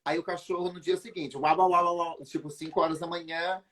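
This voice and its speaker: A man's voice: a little high, fairly quick. A man with a Brazilian Portuguese accent, a guest on a video call, telling a comic anecdote with lots of acted-out quotes and laughter. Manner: lively storyteller, acts out quotes, laughs often.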